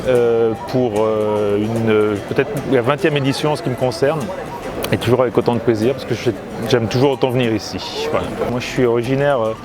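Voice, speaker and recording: A man, a comic book artist, chats casually while strolling outdoors, pausing often with fillers and restarts. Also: mid-range voice, fairly even intonation, music in the background. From Italy and Grenoble, France. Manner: hesitant, many fillers and restarts. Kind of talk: casual walking chat to camera. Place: outdoors, seaside town streets and ramparts.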